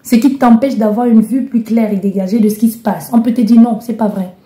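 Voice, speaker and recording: A woman's voice: fairly high pitch, fairly even intonation, a little fast, mellow. A woman from Belgium giving a spoken tarot guidance reading, talking straight to the listener with passion and many restarts. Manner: impassioned, addresses the listener directly, many restarts. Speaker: tarot card reader. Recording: echoey room.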